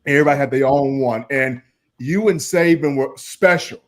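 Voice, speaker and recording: A man's voice: medium pitch, normal speed. A man interviewing someone in a casual, conversational style.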